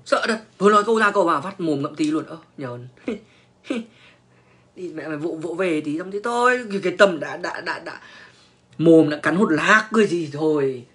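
Brief: young man, crude casual storyteller, lots of cursing and stammered repeats, voice a bit high. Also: lively intonation, normal speed, fairly bright tone. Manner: profane, repetitive stammering restarts, slangy. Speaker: online personality telling stories.

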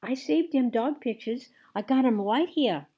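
A woman voicing an excitable little girl who shouts eagerly in a high voice. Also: measured pace, slightly rough.

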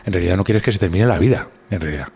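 Spanish male guest, husky and low, rambling storyteller in casual chat. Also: animated, rapid-fire, a little mellow. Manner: rambling anecdotes with many restarts. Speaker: guest comedian. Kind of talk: casual conversation.

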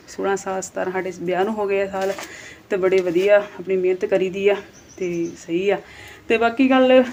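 There's a little hiss or hum under this medium-pitched female voice. She's a vlogger from Punjab in her thirties, speaking with a Punjabi accent and chiding her viewers in a blunt, casual way.

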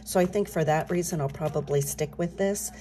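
A middle-aged woman with a low, scratchy morning voice chats casually at her home desk while stuffing cash envelopes for her budgeting channel. She speaks softly yet briskly, with a faint room hum behind her.

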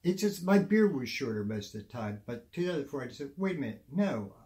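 Older male guest, animated and pitch-varied, dispensing folksy pep-talk advice. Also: fast. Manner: animated, folksy advice-giving with many "you know"s. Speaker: guest, music industry veteran. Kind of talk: motivational interview talk.

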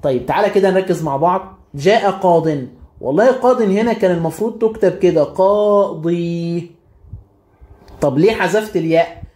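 A quick-paced man with an Egyptian accent teaches a grammar lesson. His voice sits high, and he keeps asking and answering his own questions. The room around him is echoey. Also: dark tone. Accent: Egyptian Arabic. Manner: quizzes himself and repeats rules. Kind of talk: classroom explanation.

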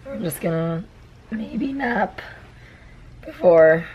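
A young woman chatting casually in a vlog, sick and hoarse from losing her voice. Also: mid-range voice, expressive, takes it slowly, dull audio. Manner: laid-back, chatty. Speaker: vlogger.

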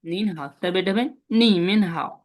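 A man teaching a Chinese class online. He repeats syllables slowly and asks his students questions as he goes. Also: high-pitched. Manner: drills syllables slowly, repeating them often.

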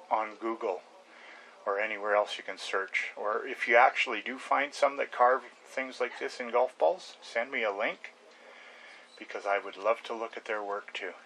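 Older man, bright voice, halting ramble. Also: on the low side, slight background noise, poor audio. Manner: rambling, halting, with many uhs and restarts. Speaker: hobby carver and channel host. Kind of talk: casual home video show-and-tell. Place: small room at home with shelves of model trucks. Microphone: webcam close to the face.

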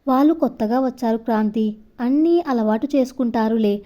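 A woman voicing a calm young wife who speaks in a soothing, reassuring way. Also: on the high side, a little fast, dull audio, natural voice.

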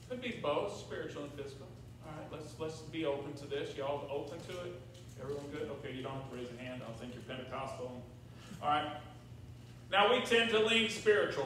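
An older American pastor preaches a sermon from the pulpit of a large church sanctuary, his voice on the high side and fairly bright. He talks conversationally but with emphasis, asking rhetorical questions and checking in with the congregation. A far-off camera mic in the room catches heavy echo and faint noise.

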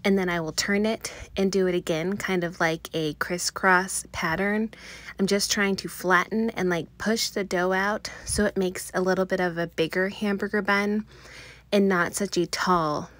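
A woman's voice: mid-range voice, fairly even intonation, moderate pace, a bit bright. Woman, 30s, casual home-baking vlogger; chatty and rambling, small laughs, phone camera in a home kitchen.

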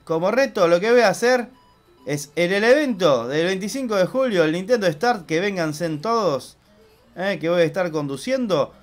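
Young Argentine gaming host, high-pitched, chatty, excitable, swears loudly at the game. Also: male voice, normal speed, soft background music. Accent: Argentine Spanish. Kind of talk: casual let's-play commentary.

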